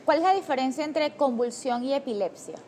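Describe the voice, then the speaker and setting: A female TV presenter asks short, direct questions. Her voice sits high, with a faint background ambience under it. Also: animated, fairly quick, darkish tone, slight background noise. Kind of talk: interview questions.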